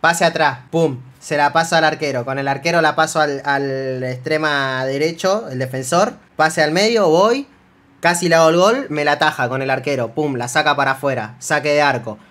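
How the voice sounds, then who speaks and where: A man's voice: a little high, normal speed, fairly bright tone. A man with a Rioplatense Spanish accent telling a long, rambling story in casual chat, repeating himself and acting out dialogue and play-by-play. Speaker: streamer telling an anecdote.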